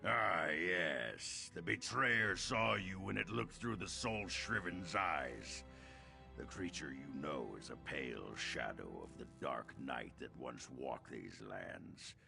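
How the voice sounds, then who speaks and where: A deep, extremely gravelly necromancer villain. He is smug and theatrical, drawing out his menacing game lines slowly. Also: expressive, pushed and bright, soft background music, heavily acted. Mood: sinister, boastful. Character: sinister, smug necromancer, servant of a queen. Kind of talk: video game character acting.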